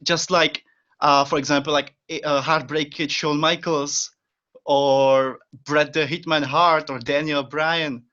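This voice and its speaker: In casual interview chat, an eager young podcast guest from the Czech Republic speaks English as his second language with a Czech accent, peppering his talk with fillers and short laughs. He speaks slowly in a level tone, his voice on the high side, bright and forceful, and the recording sounds dull and lo-fi.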